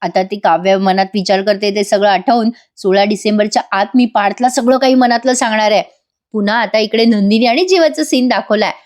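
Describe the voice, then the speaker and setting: A woman's voice: medium pitch, fairly quick, darkish tone. A woman giving a chatty voice-over recap of a TV serial episode and talking directly to her viewers. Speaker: TV serial reviewer.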